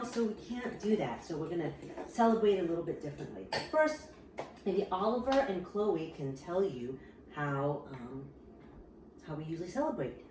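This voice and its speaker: A woman from Burma, a mother, casually explaining a family cooking activity at home to her children's classmates. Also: on the low side. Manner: warm explaining to schoolchildren, chatty with fillers. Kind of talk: casual home video narration. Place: home kitchen. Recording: echoey kitchen, camera far off, noisy.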